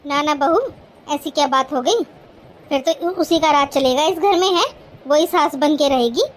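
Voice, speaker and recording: A fussy mother-in-law from a cartoon, voiced by a woman, doting on one daughter-in-law and ordering the other around. Her voice is pitched very high. She talks in an indulgent, bossy way. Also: normal speed, a little hiss or hum, close to an everyday voice. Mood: stern. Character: doting mother-in-law, quick to take sides. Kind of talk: cartoon voice acting.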